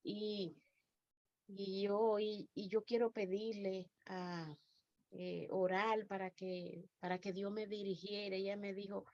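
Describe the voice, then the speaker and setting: A woman pastor with a Dominican accent giving a personal testimony, halting and full of restarts. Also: mid-range voice, level tone, a little mellow. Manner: halting storytelling with many restarts. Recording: dull lo-fi recording.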